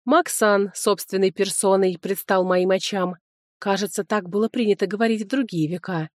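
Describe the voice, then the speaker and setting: A woman reading a first-person fantasy audiobook in a lively, expressive way, close to the mic. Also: medium pitch, normal speed, no echo. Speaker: audiobook narrator.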